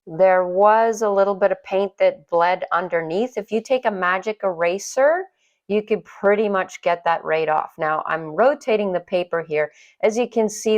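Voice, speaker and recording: A middle-aged woman narrating a casual painting tutorial in a chatty, self-deprecating way. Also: mid-range voice. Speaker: watercolor painting instructor.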